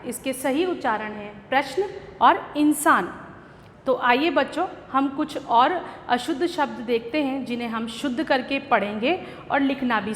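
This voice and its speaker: A woman teacher, giving a grammar lesson to young children in a slow, patient way. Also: sits high, roomy sound, in a large hall, a little hiss or hum. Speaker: school teacher.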